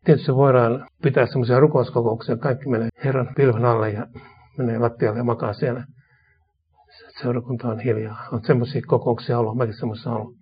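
A man preaching a sermon and leading a slow, repetitive prayer. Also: medium pitch, flat delivery. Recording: dull lo-fi recording.

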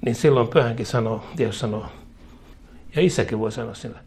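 A man's voice: mid-range voice, a little mellow, husky. A man preaching a charismatic sermon in emphatic, rhythmic repeated phrases, chuckling now and then.

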